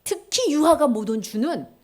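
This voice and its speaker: A woman giving a children's sermon in a church, animated, acting out little voices and dropping to a whisper for key points. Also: high voice, moderate pace. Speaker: children's ministry teacher.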